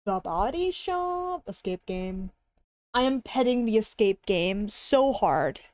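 A woman's voice: medium pitch, expressive, slow pace, darkish tone, dry recording. A young woman chatting casually on a livestream as she browses, with a cute, bubbly anime-streamer delivery and exaggerated reactions. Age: young adult. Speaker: live streamer. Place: indoor room at a streaming desk.

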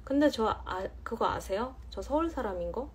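Chatting on a phone livestream, a Jeonju woman in her thirties reads out viewer comments, teasing playfully and stretching words for emphasis. She speaks at a moderate pace in a slightly high voice with lively intonation, over a little hiss or hum.

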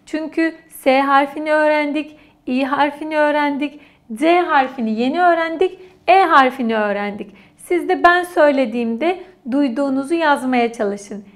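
A woman's voice: sits high, normal speed. A woman teaching an alphabet lesson to children, patiently repeating each letter and word aloud for the class to copy. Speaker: language teacher.

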